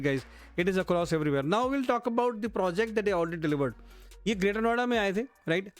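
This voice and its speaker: A man with a high, light voice runs through his slides as a real-estate host, and soft music plays underneath. He mixes two languages freely and keeps turning to his viewers to ask "right?" after each point. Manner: code-switching, addresses viewers as friends and guys. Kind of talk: presenting slides to camera.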